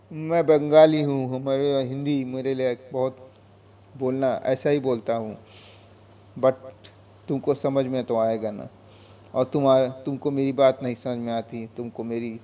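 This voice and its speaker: An earnest, pleading lonely man with a Bengali accent, as a male storyteller voices him, speaking slowly in a mellow, darkish tone. His voice sits a little higher than the teller's own. The recording is slightly dull. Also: close to an everyday voice.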